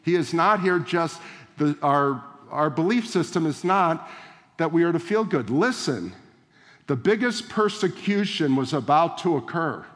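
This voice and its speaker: A man's voice: fairly high pitch, lively intonation, unhurried, a bit bright. A male pastor preaching a sermon in a conversational way, with rhetorical questions and direct address to the congregation. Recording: long reverb of a large hall.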